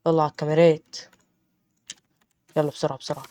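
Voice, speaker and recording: A man with an Egyptian Arabic accent giving chatty let's-play commentary on a game, breaking into panicked shouts. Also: fairly high pitch, level tone, quick pace, a little hiss or hum. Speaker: gaming channel host.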